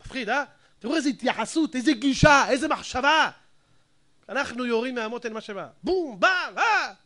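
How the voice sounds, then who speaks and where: A man preaching a Torah sermon to an audience, animated, asking rhetorical questions and acting out little scenes. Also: very high-pitched. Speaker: rabbi preacher.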